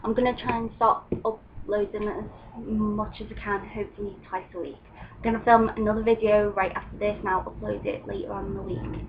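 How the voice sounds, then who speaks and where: A woman's voice: medium pitch, level tone, fairly quick, dull audio. A young woman from England chatting casually on a home video, with frequent ums. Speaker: vlogger. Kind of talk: casual chat. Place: room at home with open window. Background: faint ambient noise through the window.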